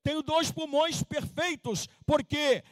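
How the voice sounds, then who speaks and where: High-voiced preacher in his seventies. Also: no room sound. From Minas Gerais, Brazil. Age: 70s. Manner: slow emphatic scripture reading, rising to fervent preaching. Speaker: missionary pastor. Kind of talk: sermon.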